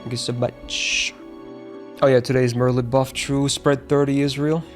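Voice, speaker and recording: A man's voice: mid-range voice, level tone, unhurried, faint music behind. Casual young male game streamer. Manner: casual, joking, reacts with laughs. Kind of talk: gameplay commentary and reading game text aloud.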